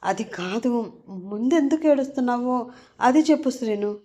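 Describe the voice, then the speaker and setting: A woman's voice: on the high side, expressive, normal speed, dark tone, pitched above the performer's own voice. A woman voicing a worried young woman who pleads and asks anxious questions. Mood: anxious pleading.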